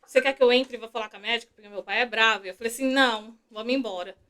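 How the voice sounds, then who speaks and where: A young woman shares a heartfelt personal testimony as a podcast guest. Her voice sits noticeably high, and she tells the story in a chatty, storytelling way, slipping into the voices of the people she quotes. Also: racing, pushed and bright, roomy sound. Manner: storytelling, re-enacting quoted dialogue.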